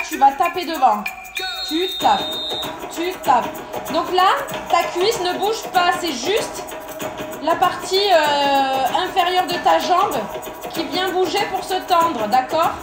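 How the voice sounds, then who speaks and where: A woman leading a workout class, chatty and joking, straining and out of breath as she exercises along. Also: high-pitched. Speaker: fitness instructor. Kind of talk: live workout class coaching. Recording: echoey room with loud music.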